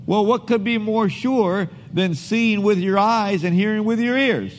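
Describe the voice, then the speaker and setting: A man's voice: sits high, measured pace, slight background noise. A man preaching a sermon as pastor, leading the congregation in reading scripture aloud together and in call-and-response. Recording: long hall reverb.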